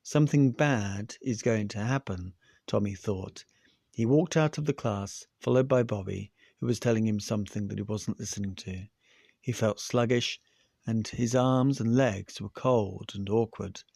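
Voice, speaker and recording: A male podcast host reading a science fiction story aloud in a steady, even manner. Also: lowish voice, moderate pace, gravelly, husky, no echo, clean studio sound.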